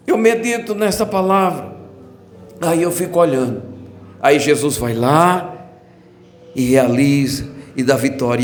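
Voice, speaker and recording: A man with a Brazilian accent, preaching a fervent church sermon with many hallelujahs and bursts of shouting. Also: fairly high pitch, slight background noise. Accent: Brazilian Portuguese. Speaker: pastor.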